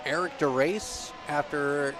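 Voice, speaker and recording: A man giving live motorsport commentary as a race broadcaster, his delivery excitable and following the action. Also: a little high, slow, music in the background, rough recording. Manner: excitable, voice rising with the on-track action. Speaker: motorsport commentator in an online sim racing broadcast.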